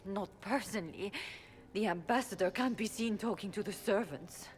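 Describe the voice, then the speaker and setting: A woman's voice: medium pitch, moderate pace, natural voice. A woman playing a bitter, guarded elven servant and informant in a video game. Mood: guarded, uneasy. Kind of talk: video game dialogue acting.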